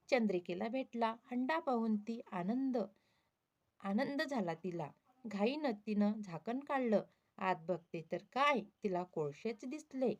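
A woman narrating a devotional story in a measured storytelling manner. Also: a little high.

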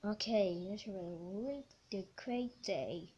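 A woman rambling through an improvised toy play narration, bursting into loud excited shouts. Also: mid-range voice, slow, dull audio, background noise. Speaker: toy video maker.

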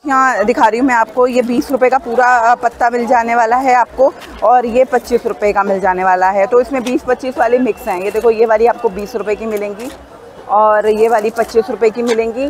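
A woman's voice: a little high, steady tone, brisk, low-quality recording. A woman filming a walking tour of an outdoor wholesale market on her phone, chatting to viewers about prices and bargaining with sellers. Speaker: shopping vlogger.

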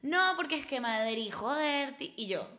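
Speaking into a desk mic in a small studio, a woman guests on a podcast and talks emphatically in a casual conversation. Her voice is high, bright, forceful and animated, yet measured in pace. She gestures a great deal and frequently restarts her sentences.

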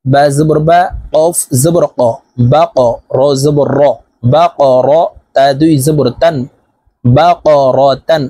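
A male Quran reading teacher with a fairly high but dark, mellow voice, spelling out words syllable by syllable. He stretches recited verses into a slow chant between brisk rule explanations. The sound is close and dry. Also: steady tone, husky, dry recording. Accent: Bangladeshi Bengali.

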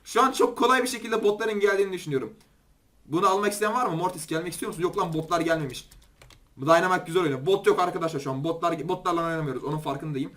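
A young man with a Turkish accent giving excitable, chatty gameplay commentary and talking straight to his viewers. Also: sits high, racing. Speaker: gaming YouTuber.

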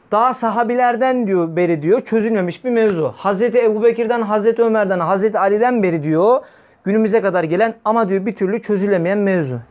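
Fiery, high-voiced preacher. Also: male voice, a little mellow. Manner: fiery, scolding, rhetorical questions to listeners. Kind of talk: weekly religious talk.

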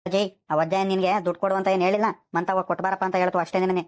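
A woman voicing a rushed, easygoing male fish seller in an animated village comedy. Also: medium pitch, natural voice. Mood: hurried. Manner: rushed, pleading, fast-talking.

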